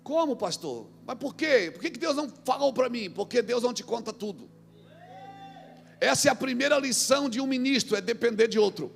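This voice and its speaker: A Brazilian man preaching as a pastor, swinging between shouted exhortation and quiet, acted-out storytelling. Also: very high voice, animated, a little fast, vocal fry, faint music behind. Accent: Brazilian Portuguese. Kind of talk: sermon.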